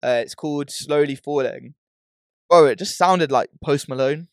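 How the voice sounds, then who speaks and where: A man's voice: a little high, normal speed, dry recording, studio quality. A young man with a London roadman accent, chatting casually in slangy, emphatic, matey banter as a podcast host. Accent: London roadman, urban British slang.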